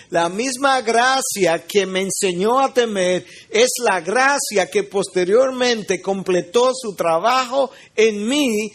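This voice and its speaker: A middle-aged man who is a pastor, preaching an earnest teaching sermon and speaking straight to his listeners. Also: high-pitched.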